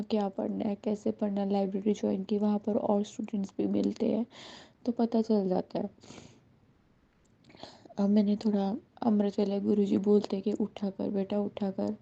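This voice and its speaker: Earnest woman, gravelly and dark. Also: mid-range voice. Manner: earnest and heartfelt. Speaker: devotee sharing a testimony. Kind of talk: devotional testimony to a congregation. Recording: dull lo-fi recording.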